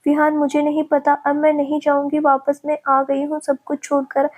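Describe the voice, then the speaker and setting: A woman's voice: high-pitched, monotone, normal speed, a little mellow, highs cut off, lightly acted. A woman voicing a frightened young woman who pleads anxiously through tears. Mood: tearful.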